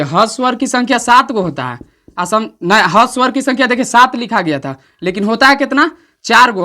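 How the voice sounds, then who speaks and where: A man with a Bihari accent teaching an exam-prep lesson, often checking "understood?" and slowing down to dictate definitions. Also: extremely high pitch, sharp tone. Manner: repeats "samjhe na?" checks, slows to dictate definitions.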